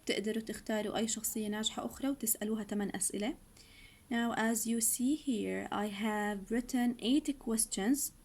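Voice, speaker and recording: Woman teaching English slowly. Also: on the high side, fairly even intonation, a little mellow. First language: Arabic. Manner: reads each English line slowly, then explains it in Arabic. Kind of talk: recorded online lesson.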